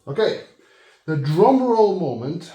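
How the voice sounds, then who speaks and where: Guy rambling through a car diy job, unsure of himself, low quality phone recording, kinda roomy. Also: big pitch swings, takes it slowly, mellow, lo-fi sound. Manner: hesitant, self-deprecating, thinking aloud. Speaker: car vlogger. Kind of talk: casual DIY walkthrough. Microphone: phone, no microphone. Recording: echoey, noisy phone recording.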